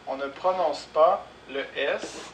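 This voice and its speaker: A man with a Québécois French accent, teaching a French lesson slowly and repeating words and spellings. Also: a little high. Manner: slow, deliberate, repeats words and spells them out. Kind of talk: slow classroom lesson. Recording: echoey room, voice from far off, clear background noise.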